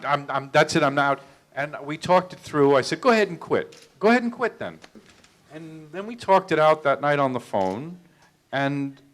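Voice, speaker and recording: At a public question-and-answer session, a medium-pitched film director spins self-mocking anecdotes. He keeps restarting his sentences with stammered repetitions.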